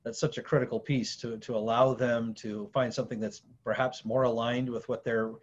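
A man's voice: mid-range voice, level tone, moderate pace, highs cut off. A man hosting a podcast, reading set questions and giving short, affirming replies. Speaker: podcast host. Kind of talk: scripted interview questions.

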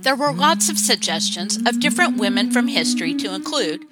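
A woman giving scripted documentary narration in a measured, even manner. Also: on the high side, heavy background noise. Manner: measured, reads quotes aloud. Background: music.

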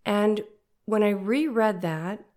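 A woman's voice: medium pitch, slow pace, a little mellow. Nasal woman hosting a podcast. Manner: encouraging, directly addressing the listener. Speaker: podcast host and coach. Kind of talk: conversational faith-based podcast talk.

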